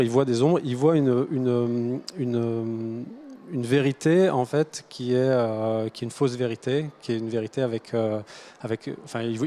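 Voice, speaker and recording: A man's voice: medium pitch, warm tone. A man, a children's author, explaining his book in a hesitant, thoughtful way with frequent restarts. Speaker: author guest. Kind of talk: casual interview answers.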